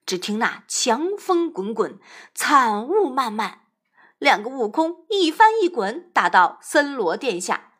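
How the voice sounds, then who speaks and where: A woman narrating a classic tale in a lively, expressive storybook reading. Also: fairly high pitch, takes it slowly.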